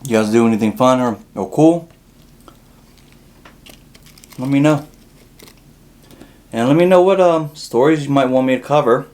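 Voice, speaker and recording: Guy doing a mukbang, mid pitched voice, eating crunchy fried chicken and just chatting informally to viewers. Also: normal speed, darkish tone. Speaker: mukbang show host. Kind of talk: casual chat to viewers while eating.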